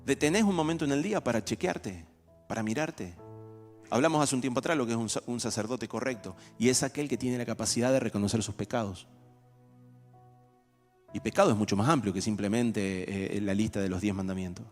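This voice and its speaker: A man's voice: medium pitch, brisk. A man, a pastor giving a conversational sermon and acting out everyday dialogues. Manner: animated, acts out everyday dialogues. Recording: reverberant hall with soft music.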